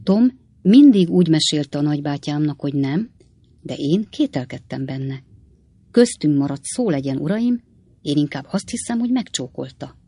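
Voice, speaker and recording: A narrator tells the story slowly, speaking to the listeners. The voice sits at a middle pitch, and the sound is dry and close to the mic. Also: animated, dark tone, slightly rough, dry recording. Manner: slow, storytelling, addressing listeners. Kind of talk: audiobook narration.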